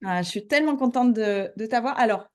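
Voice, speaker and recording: A woman's voice: fairly high pitch, brisk. A woman hosting a podcast interview, enthusiastic and chatty, asking rambling questions. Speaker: podcast host.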